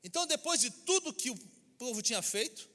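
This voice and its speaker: Preaching in a church sanctuary, this pastor has an extremely high, pushed, bright voice and speaks animatedly and a little fast. His Brazilian Portuguese accent comes through as he emphatically acts out those he quotes, with the hall's long reverb around him.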